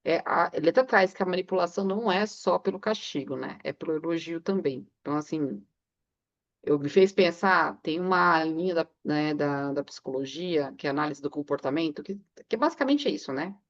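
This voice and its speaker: A woman's voice: sits low, fairly quick, dull audio. A woman in a casual book club discussion, rambling through anecdotes with frequent filler tags. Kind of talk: casual chat.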